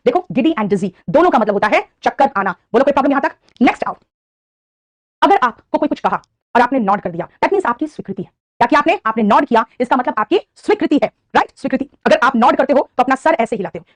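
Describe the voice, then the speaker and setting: Fast, high-pitched Indian woman teacher, calls students beta, quizzes and praises, dry close sound. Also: no room sound. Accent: Indian English. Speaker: English vocabulary teacher. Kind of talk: online live class, Hindi mixed with English.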